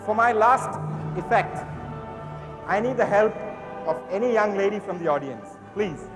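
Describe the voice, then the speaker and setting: A man's voice: high-pitched, lively intonation, moderate pace. A young man doing playful, showy stage magician patter like a kids party magician, instructing his audience. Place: large auditorium stage before an audience. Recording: echoey hall, long reverb, faint music.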